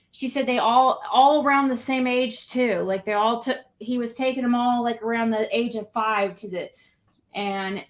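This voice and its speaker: A woman hosting a casual livestream panel, asking questions in an informal, rambling way. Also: a little high. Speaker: panel host. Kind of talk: casual true crime livestream chat.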